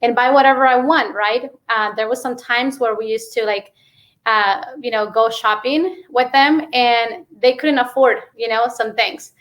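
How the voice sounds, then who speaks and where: Speaking in a fairly high, fairly bright voice, a businesswoman appears as an interview guest. Spanish is her first language and she has a Mexican accent. She tells her story casually and haltingly, often dropping in "you know."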